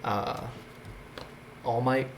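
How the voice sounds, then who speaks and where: A man's voice: mid-range voice, steady tone, drawn-out words, a little hiss or hum. Rambling young man hosting a casual chat. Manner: rambling, hesitant with many fillers and restarts. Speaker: host.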